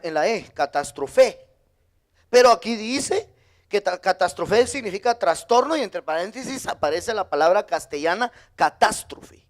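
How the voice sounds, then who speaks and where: A Guatemalan man preaching a sermon as pastor, lively, with sudden high emphatic bursts. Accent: Guatemalan Spanish.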